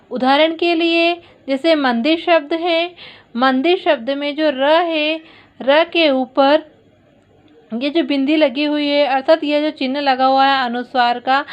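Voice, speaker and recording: Woman teacher, high voice, slow and patient, explaining to kids. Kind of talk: recorded classroom lesson.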